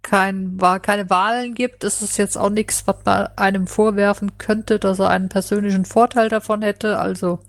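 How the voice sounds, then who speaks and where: A woman chairing a party board meeting, speaking in a measured way with hesitant fillers. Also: medium pitch, fairly even intonation, no echo. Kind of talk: meeting discussion.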